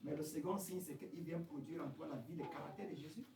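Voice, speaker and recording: A male pastor preaching a revival sermon, swinging from shouted high peaks to quiet questioning drops. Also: a little fast, far from the mic, crowd noise. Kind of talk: French-language revival sermon. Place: church hall. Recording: echoey church sound, from off the mic, faint noise.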